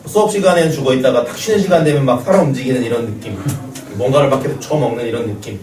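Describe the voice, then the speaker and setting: Racing along in a mid-range voice, a math teacher jokes with his class and slips in stories between points of his lecture. The distant mic catches classroom echo and crowd noise.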